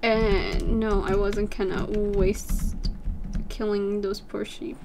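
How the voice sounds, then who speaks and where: A woman giving casual gameplay commentary, chatty, her voice jumping high when she gets excited. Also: takes it slowly, noisy background. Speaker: gameplay streamer.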